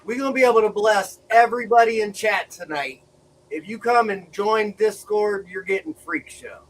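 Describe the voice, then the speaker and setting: A man hosting a casual livestream grow show, talking in an excited, profane, laughing way. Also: high-pitched, normal speed, distant mic, low-quality recording. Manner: hyped, profane, laughing often.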